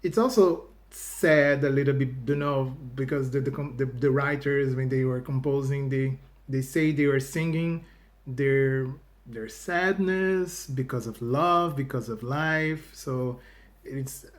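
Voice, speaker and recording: A Brazilian man whose first language is Portuguese hosts a casual YouTube reaction video, speaking accented English to viewers at a medium pitch and a slightly slow pace. He tends to restart phrases and to fill gaps with "you know."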